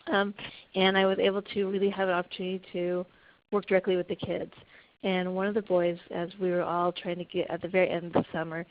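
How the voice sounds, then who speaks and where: Woman camp director, earnest, restarts a lot; fairly low voice over a dull call line. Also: level tone, quick pace. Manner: earnest, storytelling with many restarts. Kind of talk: webinar talk. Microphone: conference call. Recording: muffled conference call audio.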